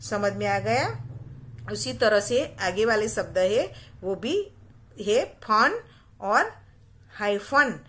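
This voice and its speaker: A woman teacher talks young children through a recorded lesson with steady patience. She often poses a quick question and then answers it herself, repeating the key word. Her voice sits at an ordinary middle pitch. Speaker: school teacher.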